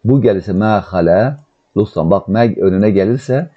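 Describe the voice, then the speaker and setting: Male grammar teacher, very low voice, patient step-by-step explainer, dull muffled recording. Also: husky. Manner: explains step by step, asks and answers his own questions; slows right down when reading out model translations. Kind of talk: recorded online grammar lesson.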